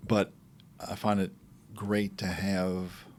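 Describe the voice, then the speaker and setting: Low-voiced man hosting a podcast. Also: level tone, a little mellow, slight background noise. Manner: easygoing, halting, with asides. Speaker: podcast host. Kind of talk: casual conversational podcast.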